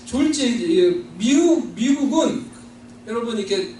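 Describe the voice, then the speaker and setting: A man's voice: very high-pitched, lively intonation, measured pace, warm tone. Male preacher from Seoul, earnest testimony; distant mic in a roomy hall, faint background hum. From Seoul, South Korea. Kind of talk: sermon testimony.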